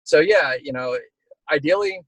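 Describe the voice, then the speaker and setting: A man's voice: fairly high pitch, moderate pace, fairly bright tone, no room sound, low-quality recording. A middle-aged man speaking as an interviewed storm chaser, casual and reflective, talking in rambling stop-start phrases.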